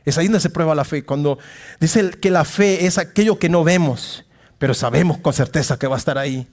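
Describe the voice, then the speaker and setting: A man preaching a sermon in church, talking straight to his congregation with casual humor and dramatic swings from loud calls to hushed asides. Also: a little high, a little fast. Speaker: pastor.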